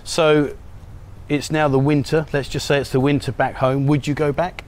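A man's voice: a little high, normal speed. Upbeat man hosting a chat show. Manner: upbeat, teasing, lively questions. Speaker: show host. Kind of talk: casual interview. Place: outdoors at a beachside cafe.

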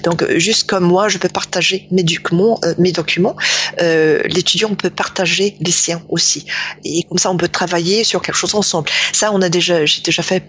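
A British woman whose first language is English, an online English teacher, talking casually in French with halting restarts and many fillers. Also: fairly low pitch, fairly even intonation, muffled recording, a little hiss or hum. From Britain. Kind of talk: casual interview talk.

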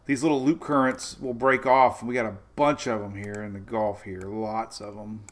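A weather show host with a lowish voice talks at a moderate pace in a level tone. He's running a live weather stream, chatting loosely about the tropics, reading chat, greeting viewers by name, and laughing often.

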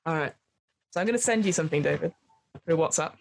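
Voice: medium pitch, animated, fast, creaky, a little hiss or hum. A game master running a tabletop role-playing game, giving casual instructions and narration to players.

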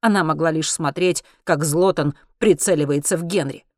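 A steady, measured audiobook narration of a science-fiction story. The voice sits at a middle pitch. It is recorded close, with no room sound at all. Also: dry recording.

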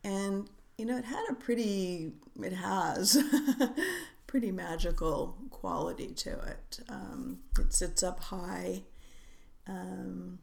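A middle-aged woman, a writer who is a guest on a podcast, talking reflectively in an unhurried, musing way with frequent hesitations. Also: lowish voice, creaky. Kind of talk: reflective conversational interview.

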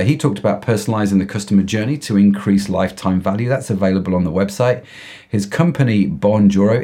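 A male podcast host speaks in a croaky, froggy voice that sits fairly low. He presents in an informal, enthusiastic, chatty way, with music playing behind him. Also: darkish tone. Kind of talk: podcast introduction, chatty semi-scripted presenting.

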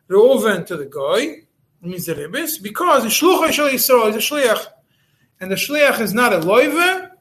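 Man, rabbi, high pitch, halacha lesson, step-by-step explaining. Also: fairly bright tone, low-quality recording. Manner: explains step by step, with many restarts and Hebrew and Yiddish terms. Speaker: rabbi teaching a halacha class. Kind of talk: recorded Torah lesson.

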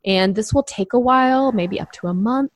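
A woman's voice: a little high, moderate pace, no room sound. A woman co-hosting a casual podcast as a nutrition coach, chatty and encouraging, full of "like" and "you know". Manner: encouraging, speaks directly to listeners.

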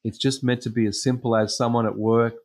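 A man preaching a sermon, telling personal stories in a halting way with frequent pauses and ums. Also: mid-range voice, flat delivery, darkish tone. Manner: hesitant storytelling with frequent ums.

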